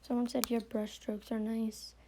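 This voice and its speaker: A woman reading viewer comments aloud for a live painting stream in a steady, flat way. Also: a little high, moderate pace, background noise.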